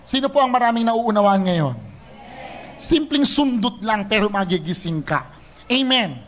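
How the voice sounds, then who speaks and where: A young man preaching a sermon, lively and teasing, switching between Tagalog and English. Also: sits high, moderate pace, a little hiss or hum. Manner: animated, mixes Tagalog and English, teasing the congregation.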